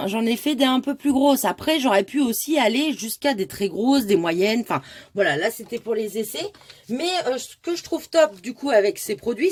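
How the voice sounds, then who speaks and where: A woman hosting a casual craft tutorial, explaining step by step in a chatty way with many asides. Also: on the high side. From France.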